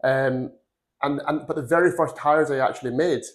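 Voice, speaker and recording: On a podcast, a man in his forties from Glasgow who founded a recruitment firm rambles earnestly through his career story. His voice sits on the high side, with fairly even intonation and a moderate pace, in a casual interview setting.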